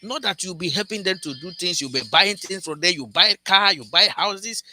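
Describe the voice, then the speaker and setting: High, bright-voiced man telling a cautionary story. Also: brisk, a little hiss or hum. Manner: earnest, lecturing, addresses viewers directly; frequent restarts and repeated words. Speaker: vlogger giving relationship advice. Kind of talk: storytelling monologue to camera.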